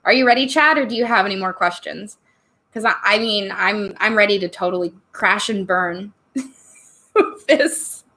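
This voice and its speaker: Bright and forceful, her mid-range voice moves at normal speed as she runs a relaxed live chat with viewers and fields their questions. She keeps laughing and giggling between replies, drinking wine on camera and joking that she's getting tipsy.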